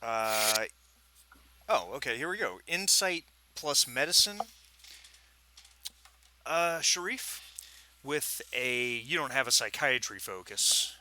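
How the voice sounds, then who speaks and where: Slow-talking male game master. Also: mid-range voice, slight background noise. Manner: relaxed, unhurried, with fillers. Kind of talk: running a tabletop game over a call.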